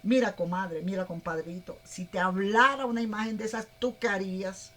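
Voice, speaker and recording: Animated woman preacher. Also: mid-range voice, normal speed. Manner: animated, rambling, plays out voices. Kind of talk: sermon.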